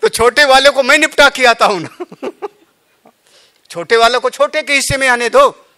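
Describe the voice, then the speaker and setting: A man's voice: extremely high pitch, measured pace, pushed and bright, pitched above the performer's own voice, exaggerated voice. A man voicing young prince Lakshmana, a fiery and loyal younger brother, speaking eagerly and boastfully.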